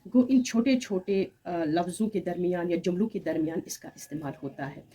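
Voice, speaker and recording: A woman with an Urdu accent gives a patient grammar lesson, working through spoken examples. Her voice sits a little low, with a mellow, slightly husky tone. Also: lively intonation, a little fast.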